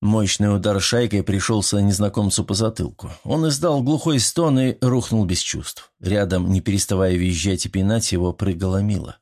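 Brief: male audiobook narrator, steady and even. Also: lowish voice, normal speed, few pauses. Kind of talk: scripted narration.

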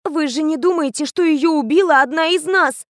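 A woman's voice: very high voice, expressive, normal speed, no room sound, clean studio sound, pitched above the performer's own voice. A woman voicing a frightened young female student who protests in horror. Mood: horrified. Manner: horrified, protesting.

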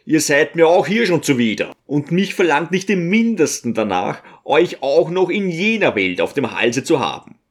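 Dude doing a gruff cranky teacher son in an audiobook, snappy and annoyed. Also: male voice, on the high side, very animated, moderate pace, hardly any pauses, pitched above the performer's own voice. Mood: angry. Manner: gruff, irritable. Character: surly, grumbling grown son, a teacher. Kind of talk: audiobook character voice.

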